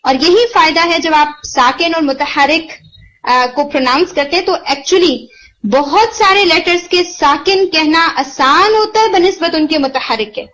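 Female tutor, high bright voice, patient explainer, lo-fi muffled audio. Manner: patient, explains slowly and demonstrates sounds. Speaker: teacher of Arabic pronunciation. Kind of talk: online lesson, Hindi-Urdu mixed with English.

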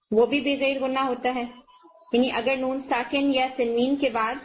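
High-voiced woman teaching patiently. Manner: patient, step-by-step explaining, slows to demonstrate sounds. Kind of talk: recorded lesson on recitation rules. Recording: muffled lo-fi recording.

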